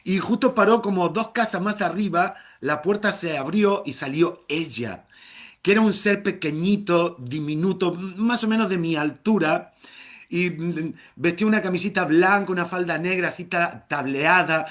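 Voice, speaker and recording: A middle-aged man telling a humorous story live, playful and theatrical, with shouted exclamations. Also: high-pitched, moderate pace.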